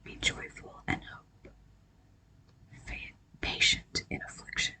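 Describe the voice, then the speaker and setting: An ASMR creator whispers a pep talk full of affirmations and scripture. The delivery is breathy, casual and halting, offering gentle reassurance.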